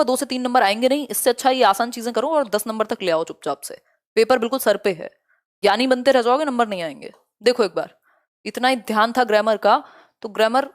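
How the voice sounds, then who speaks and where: A young woman teaching an online exam-prep lecture, brisk and chatty, mixing in English terms. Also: on the high side.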